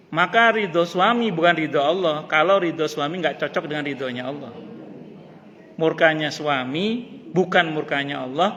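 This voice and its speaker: A man a tinge gives a casual religious lecture, lively and joking. His voice is bright and a little high. A long reverb from the mosque hall trails behind him. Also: highs cut off. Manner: lively, joking asides, repeats key phrases. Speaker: ustadz teaching a mosque study group.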